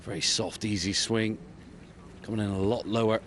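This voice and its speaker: A man works as a golf commentator, calling play in a fairly low voice. There is faint background noise around the commentary. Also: steady tone, moderate pace.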